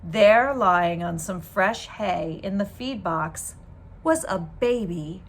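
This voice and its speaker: In an expressive, deliberate storytelling style, a woman with a medium-pitched voice reads from a children's book. She's a teacher reading it aloud.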